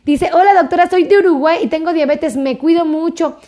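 A woman's voice: very high-pitched, fairly quick, dark tone. A woman doctor hosting a live stream, reading out viewer comments and greeting them with effusive affection.

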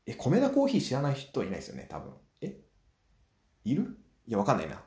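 A man hosting his own solo talk show, chatting through advice, acting out small everyday scenes and filling pauses with drawn-out "uh" sounds. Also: medium pitch, huge pitch swings, darkish tone, reverberant. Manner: chatty, acts out little scenes; frequent filler sounds. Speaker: podcast host.

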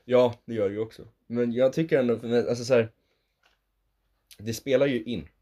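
A man's voice: mid-range voice, steady tone, warm tone. A young man co-hosting a casual podcast chat, playful and teasing, often restarting his sentences. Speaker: podcast co-host.

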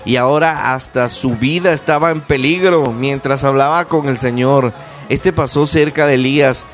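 A man's voice: mid-range voice, normal speed, soft background music. A man preaching a radio sermon, earnestly urging his listeners in direct address.

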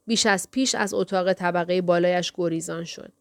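A woman narrating a novel in first person with a measured, steady storytelling manner. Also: fairly low pitch, gravelly, dry recording. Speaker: audiobook narrator. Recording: dry, close studio recording.

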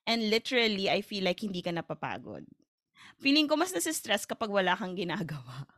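A woman's voice: mid-range voice, big pitch swings, fast talker, a bit bright, dry recording, clean studio sound. A woman with a Filipino accent hosting an interview, chatty and playful, easily switching between languages. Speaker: host. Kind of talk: conversational interview.

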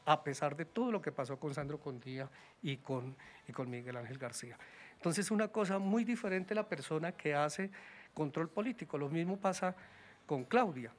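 A man in casual political talk, critical and hesitant, with many restarts and fillers. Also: a little high. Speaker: political guest.

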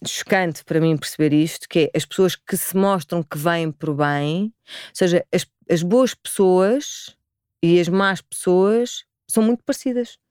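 A woman in her forties from Portugal with a European Portuguese accent, talking as a podcast guest in a lively, expressive way. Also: on the low side, measured pace, smooth, no room sound, studio quality. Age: 40s. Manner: expressive, animated storytelling with frequent laughs. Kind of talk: casual chat.

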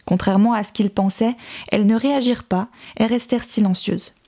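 A woman's voice: medium pitch, steady tone, a little fast, vocal fry, mellow. A woman reading a novel aloud as an audiobook, voicing each character's lines with light shifts in her voice. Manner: reads all characters' dialogue with light voice shifts. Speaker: audiobook reader. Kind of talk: scripted narration of a novel.

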